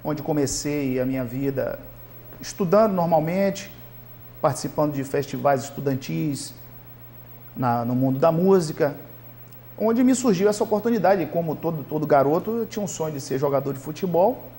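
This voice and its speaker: A man from Salvador, a singer guest on a TV interview show, speaking gratefully and modestly in relaxed chat. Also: on the high side, normal speed. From Salvador, Bahia, Brazil. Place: local TV studio.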